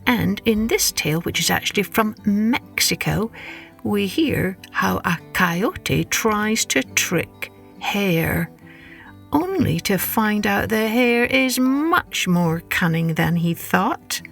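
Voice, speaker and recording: A woman hosting a children's story podcast, reading scripted tales in an expressive, carefully phrased way. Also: mid-range voice, takes it slowly, vocal fry, faint music behind.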